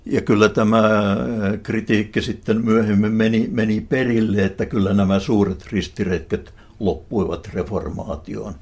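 A man with a lowish voice answers as a guest expert in a discussion. He explains steadily and plainly, pausing now and then on a filler word. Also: breathy edge. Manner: measured, with hesitant fillers.

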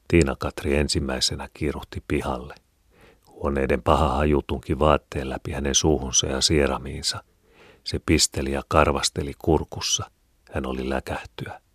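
A man reading a classic novel aloud in a measured, even storytelling manner. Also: extremely low pitch, no echo, studio quality. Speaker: audiobook reader. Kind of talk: scripted narration.

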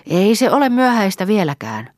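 A woman's voice: medium pitch, sing-song, darkish tone, no room sound, studio quality, pitched above the performer's own voice, natural voice. A woman reading an older widow in an audiobook, curious and mildly reproachful.

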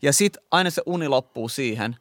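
A man's voice: mid-range voice, lively intonation, fairly bright tone. A man co-hosting a casual chat podcast, reading from an article and recounting his own dreams. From Finland. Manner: reads article excerpts, then tells dreams animatedly. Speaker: podcast co-host.

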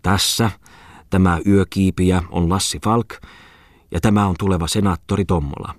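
A man's voice: low-pitched, steady tone, no echo, clean studio sound, natural voice. A man doing a flustered, wheezy bookseller. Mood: jokey. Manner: a bit flustered, jokey. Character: flustered, wheezy middle-aged male bookseller.

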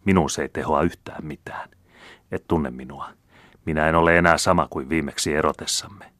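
A man's voice: a bass voice, steady tone, a bit bright, no echo, clean studio sound. A male audiobook reader voicing a brooding young nobleman who talks grimly and insistently. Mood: grim pleading. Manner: grim, insistent, pleading.

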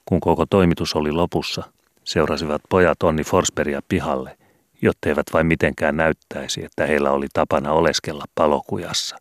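A man narrates a children's book as an audiobook, reading in a steady, measured way. His voice is extremely deep. The recording is close and dry. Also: dry recording. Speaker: audiobook reader.

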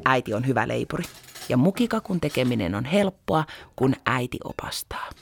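A woman reading a children's story aloud in an expressive, animated way. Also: a bass voice, gravelly, slight background noise.

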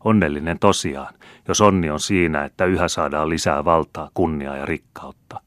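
A man's voice: rumbling low, steady tone, a bit bright, no echo. A man reading a dreamy, bitter seventeen-year-old count who speaks with passion in an audiobook. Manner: impassioned, bitter.

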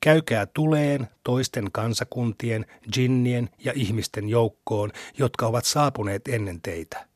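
A man reading scripture aloud in a measured, deliberate way, with his phrase ends trailing off breathy, on a close studio mic. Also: medium pitch, no echo. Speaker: scripture reader.

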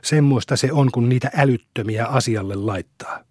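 Brief: man reading as a fretful farm wife, husky, calling and fussing. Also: medium pitch, darkish tone, dry recording, studio quality, natural voice. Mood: fretting. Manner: fretting, exasperated calls. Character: fussy anxious farm wife, middle-aged.

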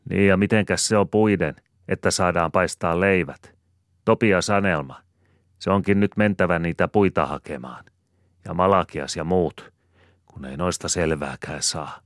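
A man's voice: very deep voice, fairly even intonation, no room sound, studio quality. A man voicing a bustling, fond rural mother who rambles in homely chatter and croons lullabies to her baby.

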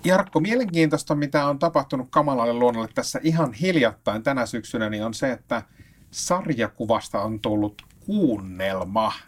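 A man interviewing a guest on the radio, asking calm, measured questions. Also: mid-range voice.

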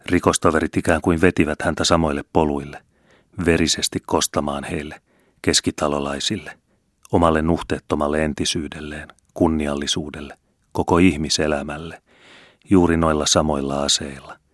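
Extremely deep-voiced male audiobook reader. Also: flat delivery, no room sound, studio quality. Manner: measured, earnest storytelling. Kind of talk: scripted narration of a classic novel.

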